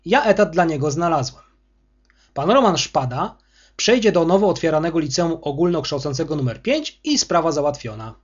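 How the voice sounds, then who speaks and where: A domineering, harsh school superintendent in an audiobook scene, performed by a male reader. His voice sits high, swoops with anger, and has a husky edge. The recording sounds muffled and lo-fi. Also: very animated, moderate pace. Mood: angry. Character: angry arrogant male school superintendent, bullying official.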